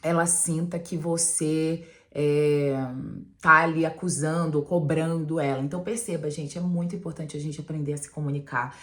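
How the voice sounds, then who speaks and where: A woman giving animated relationship advice straight to her viewers in a casual vlog. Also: low voice, moderate pace. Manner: animated, talks straight to viewers with frequent "né?" and "gente". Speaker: relationship mentor, channel host.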